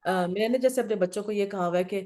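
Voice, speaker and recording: A woman's voice: medium pitch, darkish tone. A middle-aged woman, hosting a casual group talk on parenting. She explains with personal stories and slips in English phrases.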